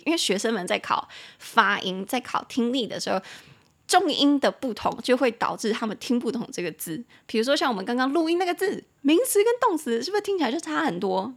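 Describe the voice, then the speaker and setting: A young woman hosting an English-teaching podcast, chatting casually, laughing often and slowing down to spell words out letter by letter. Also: medium pitch, fairly bright tone.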